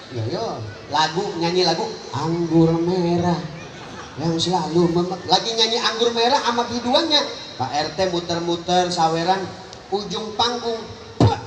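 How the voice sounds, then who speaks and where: A man preaching a comic sermon at an outdoor religious gathering, animated and joking, climbing to high emphatic cries. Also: measured pace. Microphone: phone recording from the crowd. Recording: echoey, distant phone recording, noisy.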